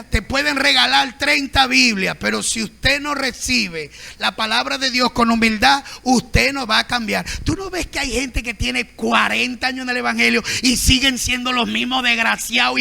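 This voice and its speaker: A man preaching at a Sunday Bible school as pastor, emphatic and sometimes shouting. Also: very high-pitched, normal speed, vocal fry, few pauses. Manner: emphatic, acts out the proud and the humble, sometimes shouting.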